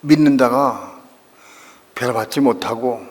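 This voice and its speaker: A man's voice: mid-range voice, slow pace. An older male pastor preaching a sermon, telling a personal story with strong emotion and acting out the people he quotes. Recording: long reverb of a church hall.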